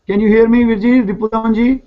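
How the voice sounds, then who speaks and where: A man's voice: very high voice, flat delivery, quick pace. A man hosts a religious group discussion. He is polite as he invites and thanks speakers, over dull, lo-fi call audio. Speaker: discussion host.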